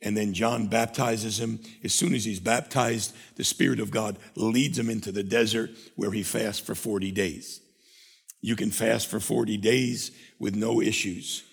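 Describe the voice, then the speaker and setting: Pastor guy preaching, gravelly husky voice, long church echo. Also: fairly low pitch, steady tone, measured pace. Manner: preaching with rising fervor, frequent throat clearing. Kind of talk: sermon. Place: church sanctuary. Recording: long reverb of a church hall.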